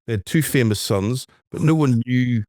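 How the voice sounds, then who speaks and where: A middle-aged man, co-hosting a casual podcast in an easygoing, halting way. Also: medium pitch, a little mellow, dry recording, studio quality. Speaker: podcast co-host. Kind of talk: casual chat.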